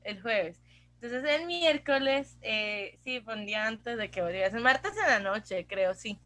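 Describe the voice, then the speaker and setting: Chatty Costa Rican woman storyteller, high voice. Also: a little slow, pushed and bright. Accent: Costa Rican Spanish. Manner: chatty storyteller mixing in English phrases and slang. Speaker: podcast co-host. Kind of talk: casual chat.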